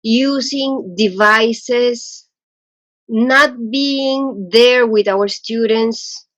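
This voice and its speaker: A woman from Ecuador, a languages coach giving a webinar to teachers, speaking slowly and often restarting her sentences. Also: a little high, a bit bright, dry recording. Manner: slow, hesitant, repeats and restarts phrases. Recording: dull, lo-fi webinar audio.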